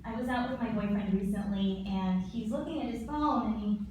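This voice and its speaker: A young American woman doing a stand-up comedy set, deadpan and blunt, swearing freely. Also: medium pitch, moderate pace. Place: comedy club stage. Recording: echoey room from a distance, noisy.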